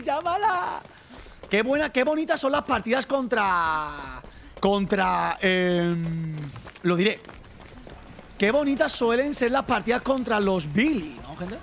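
A young man from streaming a game, chatting to viewers and shouting and swearing at the action. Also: very high-pitched. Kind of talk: live gameplay commentary.

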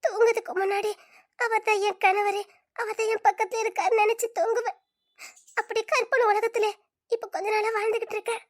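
A very high, girlish voice belongs to an earnest young woman in an audio drama, her words heavy with tears, as a woman acts her out. She speaks steadily and sincerely, turning away a friend who loves her. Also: little pitch movement, brisk. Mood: tearful. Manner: tearful, earnest.

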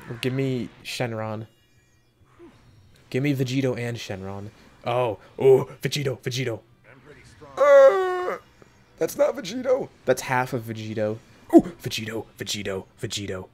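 Excitable young man reacting to game summons. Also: moderate pace, faint music behind. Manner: excitable, jumps into high yelps when hyped, muttering between pulls. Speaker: gaming video host. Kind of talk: casual gacha summon reaction.

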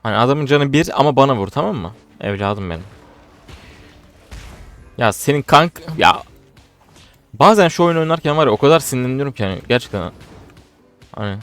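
A young man talks over his gameplay, muttering low one moment and shouting at the screen the next. His voice sits at an ordinary middle pitch. Faint game music plays underneath. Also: lively intonation, brisk, long pauses. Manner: frustrated, swings from muttering to shouting. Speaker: gaming streamer. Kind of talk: live gameplay commentary.

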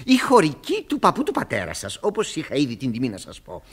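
A man's voice: mid-range voice, huge pitch swings, breathy edge. An actor playing a nervous young male landowner, a touchy hypochondriac who stammers and gets breathless in an old radio play. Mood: pleading. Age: young adult. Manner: stammering, breathless, easily flustered. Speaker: suitor neighbour in a radio play. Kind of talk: 1960s Greek radio theatre acting.

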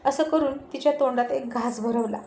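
A woman storyteller reading a serialized romance story aloud with expressive, steady narration. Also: fairly high pitch, normal speed. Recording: echoey room, faint noise.

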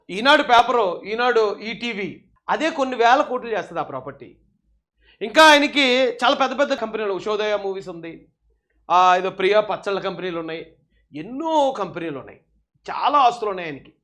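High-voiced man mocking in commentary. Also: sharp tone. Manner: mocking, sarcastic, scolding. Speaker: political commentator. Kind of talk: heated political commentary.

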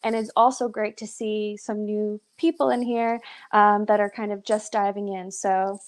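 Speaking at a moderate pace with a level tone and medium pitch, a young woman runs a live webinar about pet nutrition over a webcam video call. She keeps things upbeat and encouraging and often says "so" and "awesome."

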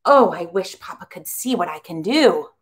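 Woman, children's music teacher, storybook read-aloud, expressive, animated. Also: on the low side, moderate pace.

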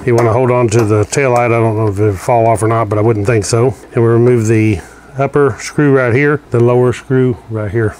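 In a garage, an installer demonstrates a product with a casual, practical how-to walkthrough while working with his hands. His medium-pitched voice is steady, fairly quick and a little mellow, picked up through a camera mic with a slight hiss or hum.

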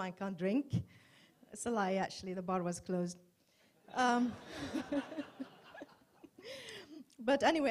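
A woman doing her first stand-up set on a hall stage, chatty and self-mocking, teasing the crowd. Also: medium pitch. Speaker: comedy contestant. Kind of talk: stand-up comedy.

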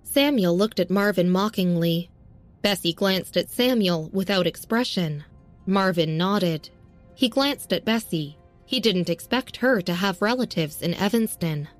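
A woman narrating a serialized audio story in a steady, even reading. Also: on the low side, a little slow, faint music behind.

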